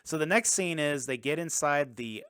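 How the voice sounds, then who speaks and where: A man co-hosting a podcast, casually recapping a film and dropping into quick silly impressions. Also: on the high side, a bit bright, smooth. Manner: rambling, retells scenes with quick silly impressions. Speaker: podcast co-host. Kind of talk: casual movie recap chat.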